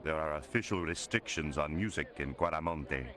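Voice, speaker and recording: Deep, officious game character. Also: male voice, moderate pace, crowd noise. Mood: officious, polite. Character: polite, officious male Latin American local. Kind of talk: video game voice acting. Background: music clearly behind the voice.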